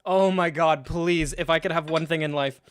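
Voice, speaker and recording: A man's voice: fairly high pitch, fairly even intonation, normal speed, clear, resonant tone, dry recording, clean studio sound. A young man streaming a live film reaction and ranting about it with sarcastic, profane disbelief. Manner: sarcastic, profane, incredulous rants.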